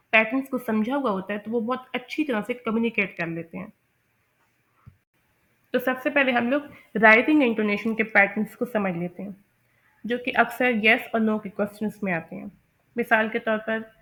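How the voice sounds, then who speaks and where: A woman with a fairly high voice gives a patient lesson on English pronunciation. She repeats each example word slowly and keeps checking that her learners follow. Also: a bit bright. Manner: patient, repeats words slowly, often asks "ठीक है?". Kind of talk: explaining a lesson from slides.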